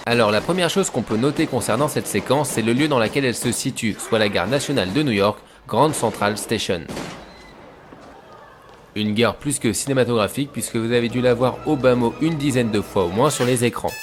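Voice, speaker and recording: A man's voice: mid-range voice, a little fast. A man hosting a film analysis show, narrating a scripted video essay in an informal way that addresses viewers directly. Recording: voice-over with music behind.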